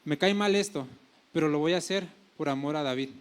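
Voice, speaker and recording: A middle-aged male pastor delivers a sermon in a notably high voice. He retells scripture as lively paraphrased dialogue, often stopping to correct himself mid-phrase. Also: fairly quick, smooth.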